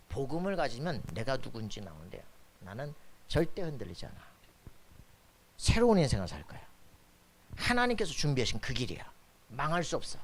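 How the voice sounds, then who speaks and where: A pastor preaching a sermon, firing questions at the congregation and pressing for their answers. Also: male voice, a little high. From Korea. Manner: call-and-response questions to the congregation, emphatic. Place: church sanctuary.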